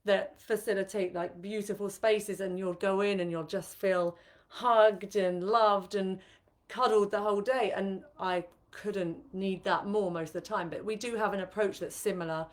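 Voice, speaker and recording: A woman at medium pitch, with fairly even intonation and moderate pace, co-hosts a casual live-stream chat as a retreat facilitator. She talks loosely and chattily, with many fillers and restarts.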